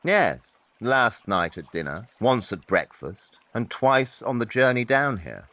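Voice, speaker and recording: An actor playing Sherlock Holmes in an audio drama, a coolly logical, blunt detective who speaks precisely with deadpan, condescending wit. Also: male voice, mid-range voice, slow, dry recording, heavily acted. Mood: dry, sardonic.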